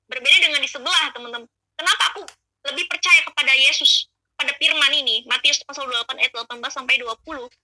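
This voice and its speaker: A woman tells her conversion story in an earnest, emotional way, talking to her listeners like friends. Her voice sits high and sounds very bright. The recording is close and dry, with no room sound. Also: quick pace, no echo, low-quality recording. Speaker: convert giving a testimony. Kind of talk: spoken personal testimony.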